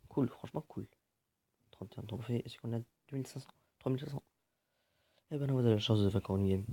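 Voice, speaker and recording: A man's voice: mid-range voice, brisk, dark tone, no echo. A man giving casual, joking gameplay commentary, swearing often and muttering to himself. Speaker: gaming video host.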